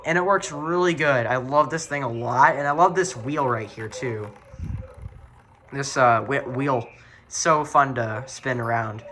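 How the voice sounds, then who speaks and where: Showing off his radio collection on video, a young host rambles through an unplanned show-and-tell, repeats himself, and doesn't soften his opinions. His medium-pitched voice has a sharp tone, and he takes his time.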